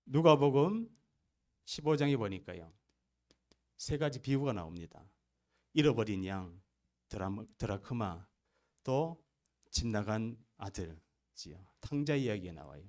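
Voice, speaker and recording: Pastor, man, low voice, emphatic church sermon. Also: lively intonation, a little slow, long pauses, a little mellow. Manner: emphatic preaching with rising bursts and rhetorical questions. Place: church sanctuary.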